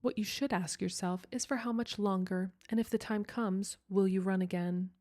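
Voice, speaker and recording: A woman voicing a scheming villain who spins threads of fate, with a cool, mocking, measured delivery, as she reads visual novel dialogue. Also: mid-range voice, steady tone, darkish tone, soft background music, close to an everyday voice.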